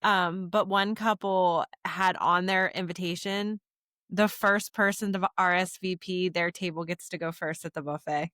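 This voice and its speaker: A young woman with a slightly low voice tells loose, rambling stories to her co-host, filling them with "like" and quick restarts. The recording is close and dry. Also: steady tone, a bit bright, dry recording. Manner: chatty storyteller, lots of "like". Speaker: podcast co-host. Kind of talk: casual chat.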